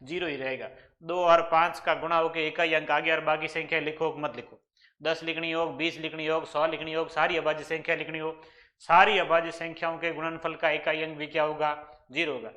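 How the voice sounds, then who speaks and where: A man with a Rajasthani accent gives an exam-prep maths lesson. His voice sits high and sounds bright and forceful. He walks through each problem step by step, posing questions and answering them himself. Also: little pitch movement, brisk, dull audio. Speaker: maths teacher.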